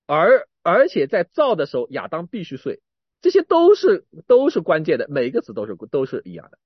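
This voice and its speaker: A man preaches a sermon with a husky voice and a lively, swooping pitch. He keeps restarting and repeating words, rising to emphatic bursts and dropping to quiet asides. The recording is dull and dry, with no room sound. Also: brisk, no room sound.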